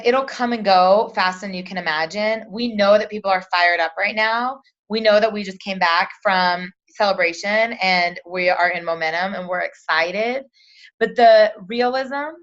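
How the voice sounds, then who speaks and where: A woman's voice: mid-range voice, a little slow, highs cut off. Peppy woman leading a team call. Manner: energetic, pep-talk delivery with repeated "right?" and "you guys". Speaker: team leader on a conference call.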